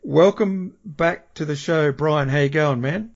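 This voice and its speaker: A man hosting a podcast, greeting his co-host in a relaxed, friendly way. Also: on the high side, measured pace, vocal fry, muffled recording. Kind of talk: casual podcast chat.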